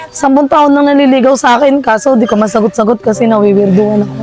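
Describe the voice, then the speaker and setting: A woman's voice: a little high, little pitch movement, fast talker, darkish tone, natural voice. Woman doing a blunt, courted woman. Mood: exasperated. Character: woman being courted, frank and exasperated.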